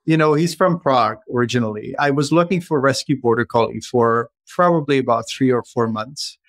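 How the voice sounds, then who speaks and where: A man's voice: medium pitch, brisk, no room sound. A man from the Czech Republic with a Czech accent, hosting a podcast and telling rambling personal stories in casual conversation. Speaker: podcast host. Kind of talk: casual interview chat.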